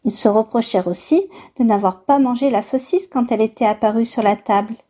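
Woman, host reading aloud, fairly high voice, warm and mellow tone, measured narration. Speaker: radio program host and reader. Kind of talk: scripted narration of a tale and book review.

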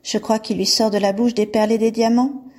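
A woman's voice: on the high side, flat delivery, fairly quick, darkish tone, a little hiss or hum, close to an everyday voice. A woman voicing a greedy, scolding village mother in a read-aloud fairy tale, bossy and exclaiming.

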